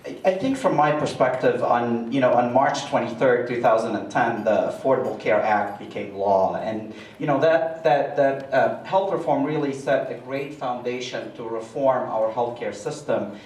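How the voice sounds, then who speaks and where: A man's voice: medium pitch, moderate pace, darkish tone. A man speaking as a panelist, hesitant, with many fillers. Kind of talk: panel discussion remarks. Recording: echoey room, mic from far off.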